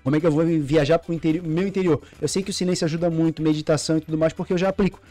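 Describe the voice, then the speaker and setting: A man's voice: a little high, fairly even intonation, rapid-fire, dark tone, faint music behind. A man hosting a podcast, casual and joking, asking long, winding questions. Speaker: podcast host.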